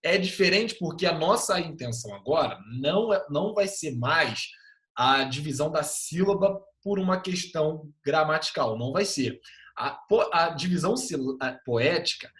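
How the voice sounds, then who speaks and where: A man teaching an online class in a lively way, often checking in with quick tag questions. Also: fairly high pitch, echoey room.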